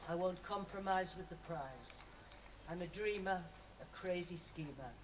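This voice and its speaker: A poet with a lowish voice reads her own poems at an unhurried pace to a live festival audience. The noisy recording was captured from a distance by a far-off mic.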